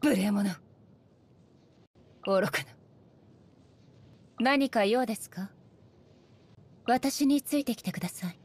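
A woman playing a regal, solemn female shogun and swordswoman in a game, speaking formally and with measured stateliness. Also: a little high, darkish tone, breathy edge, full character voice. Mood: stern, commanding, then calm, gentle. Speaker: voice actor. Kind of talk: Japanese anime-style game character voice lines.

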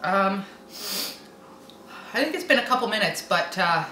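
Halting woman, mouth burning from spicy food. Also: mid-range voice, expressive, sharp tone. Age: middle-aged. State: mouth and throat burning, clearing throat, puffing out breaths. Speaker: host of a food challenge video. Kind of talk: casual reaction chat to camera. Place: small indoor room with window blinds. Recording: echoey room with faint background noise.

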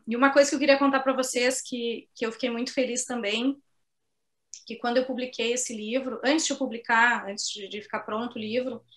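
A woman's voice: fairly high pitch, sharp tone. A middle-aged woman from southern Brazil, a poet chatting at her online book launch and reading her poems, often tagging her sentences with little questions. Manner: chatty, sprinkles tag questions, reads poems slowly. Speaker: poet and author. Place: home office on a video call.

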